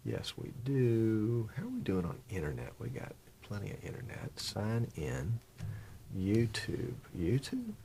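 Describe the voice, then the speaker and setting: Middle-aged male stream host with a low, gravelly voice, rambling and talking to himself in a small studio. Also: wildly swooping pitch, a little slow, a little hiss or hum. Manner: rambling, mutters to himself while working the software. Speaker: live-stream show host. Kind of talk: casual live-stream chat.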